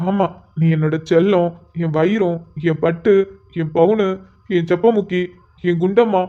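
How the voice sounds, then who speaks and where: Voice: medium pitch, fairly even intonation, unhurried, dull audio, lightly acted. A performer voicing a flustered young married man in a cartoon, exasperated and pleading, with sighing asides.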